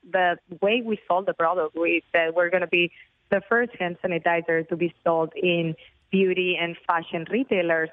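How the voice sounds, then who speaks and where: Over a tinny, dry phone line, a lowish-voiced woman from Spain, with a Barcelona Spanish accent, gives a radio interview as a company founder. She sounds upbeat and fluent.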